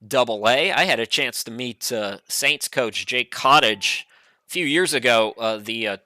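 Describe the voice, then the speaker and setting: A middle-aged man calling a college soccer match play-by-play from a home studio, chatty and relaxed with frequent fillers. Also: mid-range voice, no echo. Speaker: play-by-play commentator.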